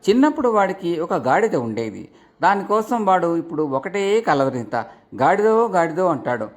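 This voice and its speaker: A sly old woman swindler from a storybook, sweet-talking and feigning innocence, as a man reads her lines. Her voice rises and falls in a lively way as she wheedles, slow and coaxing. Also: high-pitched. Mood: wheedling.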